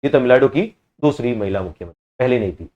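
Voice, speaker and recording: A man leads an online exam-prep lesson, quizzing the class, repeating answers, and at times reprimanding slow responders. He speaks at a medium pitch with lively intonation, and the sound is lo-fi.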